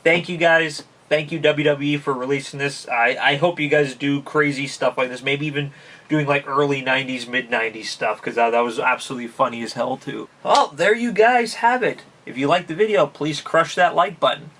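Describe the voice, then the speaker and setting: This YouTube channel host, a man from Canada, keeps his review vlog casual and chatty, full of laughter and filler words. He speaks briskly in a fairly bright, somewhat high voice with fairly even intonation. The mic picks him up from a bit of a distance.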